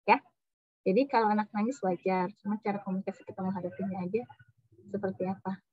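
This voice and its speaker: A woman lecturer teaching a class, talking lively and acting out short quoted voices. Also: mid-range voice, fast talker, lo-fi sound. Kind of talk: university lecture.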